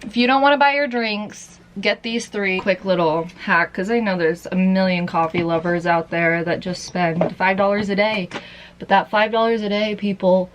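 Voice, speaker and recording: A woman's voice: medium pitch, steady tone, normal speed, slight background noise, poor audio. A tired young woman chatting her way through a makeup routine after an all-nighter, rambling casually. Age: young adult. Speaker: vlogger. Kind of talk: casual makeup vlog chat.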